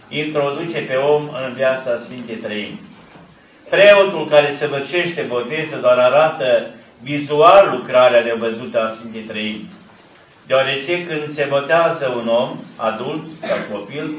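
A man's voice: medium pitch, fairly bright tone, a little hiss or hum. Older man reading a solemn sermon. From Romania. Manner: measured, solemn reading with pauses. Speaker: archimandrite preaching. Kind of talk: sermon read from a lectern. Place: large ornate church, indoors. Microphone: camera at a distance. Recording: echoey church heard from a distance.

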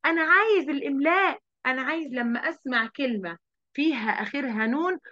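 A woman voicing an impatient schoolboy who pushes his teacher with fast, insistent questions. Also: sits high, pushed and bright, dull audio.

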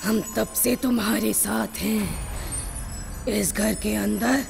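Eerie spirit woman, TV horror drama, ominous warnings, very slow, gravelly, music behind. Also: medium pitch, steady tone, a little mellow. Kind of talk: TV drama acting.

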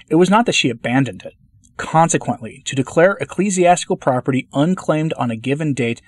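A man reading a formal church letter aloud in a measured, deliberate way, now and then stumbling and restarting a word. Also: medium pitch, dry recording, clean studio sound. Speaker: channel host reading a papal letter aloud.

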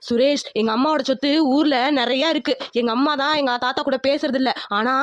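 A woman voicing a bold, cunning young village wife who nags loudly and insistently in a cartoon. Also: high-pitched, fairly even intonation, a little fast, dry recording, dull audio, lightly acted. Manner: loud, insistent, nagging. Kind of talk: cartoon voice acting.

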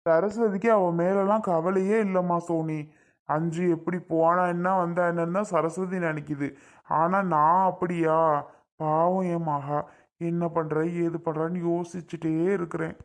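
A man playing a worried aging father, slow and fretful. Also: a little high, steady tone.

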